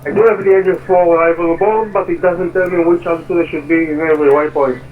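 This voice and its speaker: A man on a pilot's cockpit headset radio, making halting calls to air traffic control with many pauses. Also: a little high, fairly even intonation, narrow, tinny audio. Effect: pilot's cockpit headset radio transmission.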